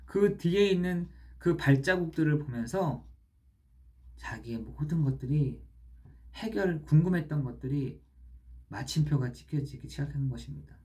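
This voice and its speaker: Animated Korean-language preacher. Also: medium pitch. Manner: emphatic, animated, often addressing the congregation. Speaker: pastor. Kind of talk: sermon at a midweek service.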